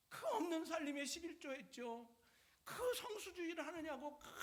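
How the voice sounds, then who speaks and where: A man's voice: slightly rough, heavily acted. A man acting an aggrieved, pleading sufferer. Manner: plaintive, indignant, swinging pitch.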